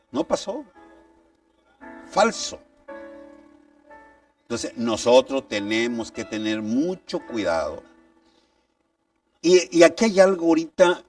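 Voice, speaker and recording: A man's voice: on the high side, wildly swooping pitch, slow, creaky, pauses often, a little mellow. A man preaching a sermon. He reads scripture aloud and asks emphatic rhetorical questions. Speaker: pastor. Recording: distant mic, faint background music.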